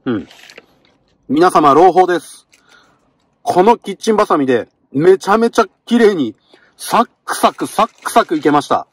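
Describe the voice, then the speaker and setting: Excitable male vlogger, husky, lively pitch, talking from a parked car. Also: moderate pace, long pauses, no room sound. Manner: excitable, talks to camera while eating. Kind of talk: casual car-camping vlog.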